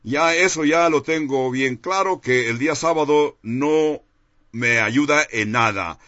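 A man's voice: fairly high pitch, measured pace, pushed and bright, dry recording. A man preaching a sermon and telling a personal testimony in an earnest, confessional way. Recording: dull, dry, lo-fi sound.

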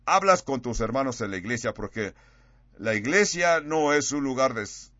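A man preaching a sermon, acting out quoted dialogue with big swings in pitch and loudness. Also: expressive, moderate pace, dry recording, muffled recording.

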